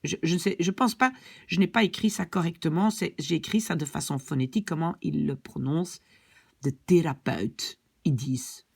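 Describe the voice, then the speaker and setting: A woman's voice: low voice, gravelly, darkish tone. A woman from Belgium with a Belgian French accent, explaining a language point in a chatty, casual lesson, with lots of examples and asides. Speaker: Dutch language teacher.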